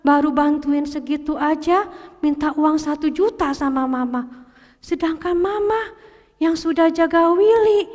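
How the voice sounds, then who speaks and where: Woman doing a sobbing little boy. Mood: remorseful. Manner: high pleading sobbing voice. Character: tearful remorseful young boy. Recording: long hall reverb.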